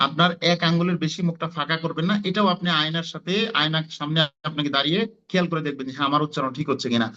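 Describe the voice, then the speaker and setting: A man's voice: a little high, steady tone, rapid-fire, sharp tone, dull audio. A man teaching Quran pronunciation in a class, explaining with many fillers and repeating letter sounds for students to copy.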